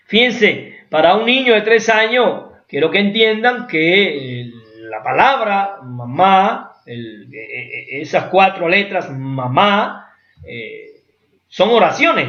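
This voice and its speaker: A man giving an academic lecture, explaining patiently with rhetorical asides. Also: on the high side. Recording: echoey room, dull lo-fi sound.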